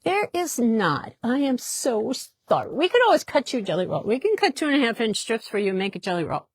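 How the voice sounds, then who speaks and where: A woman shows products in a fabric shop in a casual, chatty way. Her voice sits somewhat high and sounds upbeat, and she tends to repeat herself. The sound is dry and close. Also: very animated, fairly quick, breathy edge, no echo.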